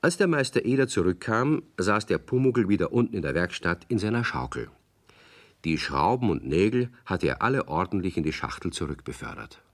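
A man narrating a children's radio play in a calm, measured storytelling manner. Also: sits low.

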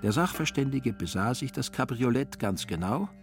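A man narrating a literary text in a measured, ironic storytelling manner. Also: mid-range voice, expressive, soft background music. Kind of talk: literary radio reading.

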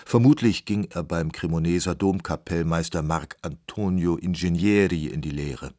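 A man reading a scripted radio documentary in a measured, explanatory manner. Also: sits low, mellow, no echo, clean studio sound. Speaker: documentary narrator.

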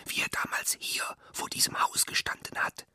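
A narrator speaking in a slow, hushed, reflective whisper, in whispered narration. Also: no room sound, clean studio sound.

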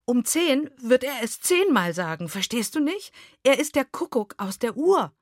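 A woman's voice: high-pitched, sing-song, a little slow, no echo, clean studio sound, pitched above the performer's own voice, heavily acted. A woman reading the lines of a stern, anxious elderly mother in a literary reading. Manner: stern, agitated.

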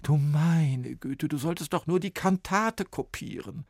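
A man's voice: a little high, unhurried, no echo, clean studio sound, pitched above the performer's own voice. A man voicing a flustered woman from an orchestra who scolds in exasperation. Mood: scolding.

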